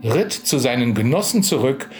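A man calmly reading a folk tale aloud as narrator. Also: mid-range voice, normal speed, music in the background. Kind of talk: storybook reading.

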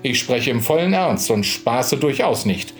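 A man's voice: medium pitch, big pitch swings, measured pace, faint music behind. A man voicing an old, gullible village priest who exclaims in indignant disbelief. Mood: guileless.

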